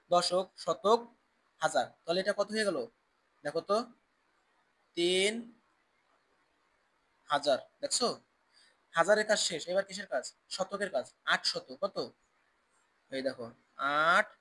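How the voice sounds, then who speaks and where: Guy teaching kids place value, slightly high voice, keeps asking n answering his own questions. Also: fairly bright tone. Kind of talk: classroom math lesson.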